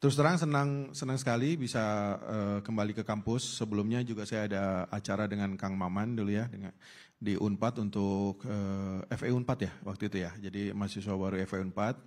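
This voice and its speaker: Man, 50s, lowish voice, panel guest, casual, halting, filler-heavy. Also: steady tone, darkish tone. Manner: halting, many fillers and restarts. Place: campus auditorium stage.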